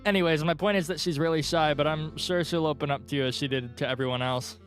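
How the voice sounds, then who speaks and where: A man's voice: a little high, fairly even intonation, fast talker, natural voice. A young man reading the lines of a friendly, earnest schoolgirl in a visual novel, in close to his own voice. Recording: faint guitar music underneath. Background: soft guitar music.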